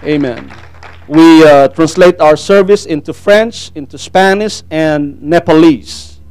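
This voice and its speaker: A middle-aged Filipino pastor from the Philippines, a native Tagalog speaker, preaches a sermon and shares his testimony, earnestly saying amen and praise God often. His voice is fairly high, slow and darkish, with a clean tone and no echo. Soft music and a faint crowd sound in the background.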